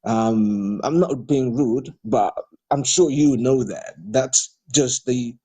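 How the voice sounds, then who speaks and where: A Nigerian man speaking for a political party replies to a participant in an audio discussion. His mid-range voice is slow, mellow, and slightly rough. He's hesitant, with many fillers and restarts, but grows emphatic when criticising politicians.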